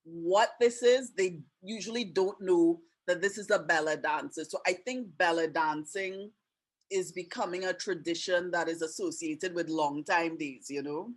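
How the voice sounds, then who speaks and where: A webinar host and teacher from Trinidad and Canada speaks at a moderate pace in a fairly low voice, her Trinidadian accent tinged with Canadian. She presents a casual online webinar over a computer mic, chatty and friendly, with lots of asides.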